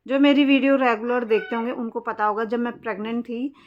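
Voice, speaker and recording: Woman, vlogger, casual storytelling, blunt, aggrieved, higher voice, muffled lo-fi audio. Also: steady tone, fairly quick. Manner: blunt, aggrieved recounting of a quarrel. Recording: dull lo-fi sound.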